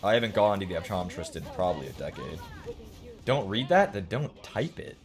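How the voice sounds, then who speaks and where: A man's voice: deep voice, sing-song, brisk, music in the background. A man in his late twenties streaming a game, chatting casually and joking while he reads his chat aloud. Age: late 20s.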